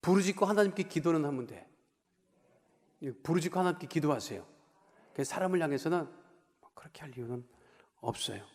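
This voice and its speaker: A man preaching a sermon as pastor, talking conversationally, putting questions to the congregation and moving between raised emphasis and quiet asides. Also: on the high side, lively intonation, brisk, pauses often. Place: church sanctuary. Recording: long reverb of a large church hall.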